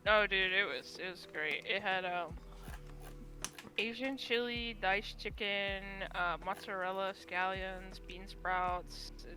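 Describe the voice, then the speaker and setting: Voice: medium pitch, steady tone, slow pace, over music. A player chatting casually and enthusiastically about food before a game. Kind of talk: casual chat.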